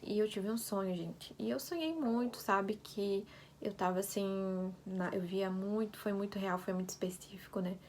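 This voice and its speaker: A young woman telling a personal faith story in casual vlog style, soft-spoken and often dropping to a near whisper. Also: medium pitch, a little slow, a little hiss or hum. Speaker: vlogger sharing a faith story.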